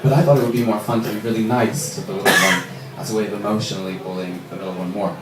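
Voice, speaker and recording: A young man in his twenties with an American accent, doing a self-deprecating stand-up set and pausing with ums. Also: on the low side, steady tone, distant mic. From Israel. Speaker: stand-up comedian. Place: comedy club. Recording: echoey club recorded from afar, noisy.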